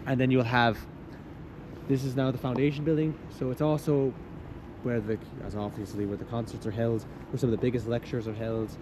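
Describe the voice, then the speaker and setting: Recorded outdoors over clear traffic and street noise, a young man leads an informal walking tour. His voice sits at an average pitch. He explains things in a chatty, enthusiastic, loosely phrased way, like a student guide. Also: flat delivery, fairly quick. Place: outdoors, walking around a campus. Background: clear urban ambience and traffic noise.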